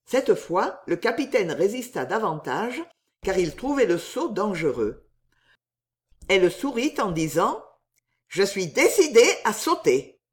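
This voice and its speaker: A woman narrating a classic novel aloud in an expressive, dramatic storytelling manner. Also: on the low side. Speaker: audiobook narrator.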